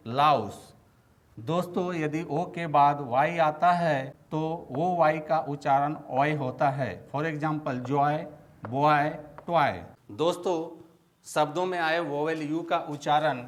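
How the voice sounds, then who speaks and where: A man teaching English pronunciation in Hindi, saying each example word slowly and separately, one word at a time. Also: a little high. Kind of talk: slow, deliberate Hindi lesson, reading out word lists.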